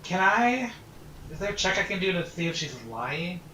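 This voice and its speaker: A man's voice: high voice, very animated, moderate pace, sharp tone, a little hiss or hum. A man playing a tabletop role-playing game, earnestly probing the guards. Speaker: player. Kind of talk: in-character tabletop play. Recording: roomy, off-mic.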